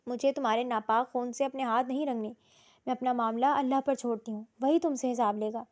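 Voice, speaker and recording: A woman narrator voicing a grieving young widow who shouts tearful accusations. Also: a little high, steady tone, lightly acted. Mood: furious.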